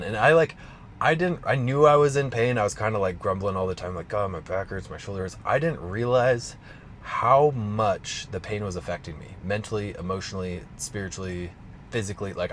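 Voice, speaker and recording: Low-voiced man telling a rambling personal story. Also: fairly quick, fairly bright tone, slight background noise. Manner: casual, rambling, heavy use of "like". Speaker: strength coach.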